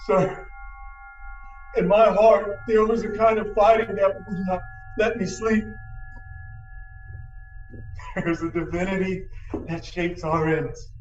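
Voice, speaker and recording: A man plays a noble young prince in a Shakespeare stage drama. His voice is high, and he declaims his verse with solemn remorse. It sounds roomy and far from the microphone. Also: fairly even intonation, unhurried, darkish tone, soft background music. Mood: dying, impassioned. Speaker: actor in a student Shakespeare production. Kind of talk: theatrical Shakespearean acting. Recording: echoey, distant, dull sound with faint noise.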